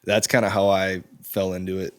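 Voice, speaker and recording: A man in his twenties, a musician guest, talking in a relaxed, halting way with frequent ums in a studio interview. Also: low-pitched, clear, resonant tone. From Czech Republic. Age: 20s. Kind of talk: casual interview chat. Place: recording studio.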